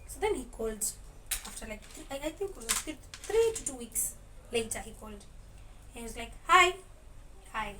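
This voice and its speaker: A young woman vlogger tells stories casually, mixing Swahili words into her English and laughing often. Her voice is on the high side and sharp, with big pitch swings, a normal speed, and frequent pauses. The mic is distant, and clear kitchen noise of clinking dishes and cutlery is audible.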